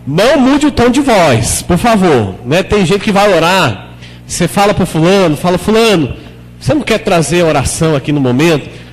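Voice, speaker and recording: Male pastor, sermon, high-pitched voice, conversational, questions the congregation, long reverb. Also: sing-song, normal speed. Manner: acts out prayers in a lower, softer voice. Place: church hall.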